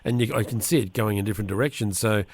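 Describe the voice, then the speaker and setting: A man's voice: lowish voice, fast. A man hosting a radio interview, asking questions in an enthusiastic, friendly way. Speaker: radio host.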